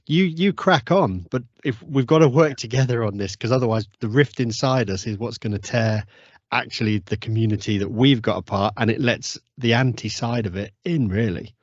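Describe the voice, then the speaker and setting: A man hosting a podcast interview in casual chat, halting and repeating words as he goes. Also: mid-range voice, no echo, highs cut off. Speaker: podcast host.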